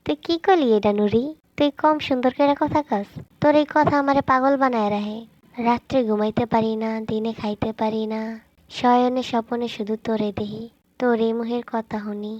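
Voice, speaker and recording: A woman's voice: fairly high pitch, steady tone, normal speed, darkish tone, no echo, highs cut off, pitched below the performer's own voice, natural voice. A woman voicing a teasing, lovesick young village man in a fan-fiction audio story, speaking a rural Bangladeshi dialect. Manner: pleading, playful teasing.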